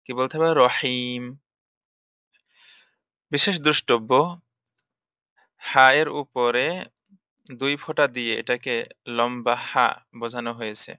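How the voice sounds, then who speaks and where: A man's voice: medium pitch, bright, forceful tone, clear, resonant tone, no room sound, highs cut off. A man teaching Arabic letters for Quran reading, patiently repeating each sound drill-style.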